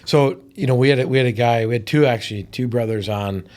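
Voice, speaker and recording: A man's voice: mid-range voice, fast, darkish tone. A man hosting a podcast, chatting loosely and rambling, with lots of "you know". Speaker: podcast host. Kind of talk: casual podcast conversation. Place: podcast studio.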